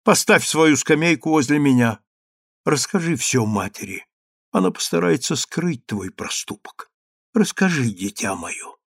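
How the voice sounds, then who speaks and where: A man's voice: fairly high pitch, expressive, a little slow, slightly rough, dry recording, studio quality, full character voice. A man voicing a stern, grieving mother who presses her daughter for the truth in a storybook reading. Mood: insistent. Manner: stern and insistent. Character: stern grieving mother, commanding then pleading.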